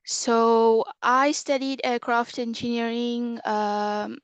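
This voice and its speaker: A young woman with a Mauritian accent speaks slowly and evenly, telling her own story as a guest speaker. Her voice is smooth, and she comes across as measured and reflective. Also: a little high, flat delivery, no echo, muffled recording. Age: 20s. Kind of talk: personal testimony to an online session.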